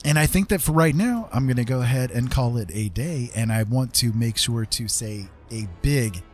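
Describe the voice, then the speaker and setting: Music plays as a middle-aged livestreamer and digital artist chats loosely with his audience, meandering and pausing uncertainly. His medium-pitched voice has lively intonation and a normal pace.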